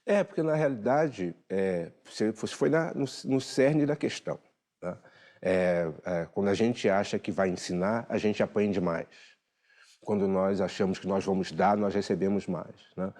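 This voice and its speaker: Low, mellow-voiced reflective man. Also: moderate pace. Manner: reflective, frequent fillers. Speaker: studio guest. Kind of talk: TV studio conversation.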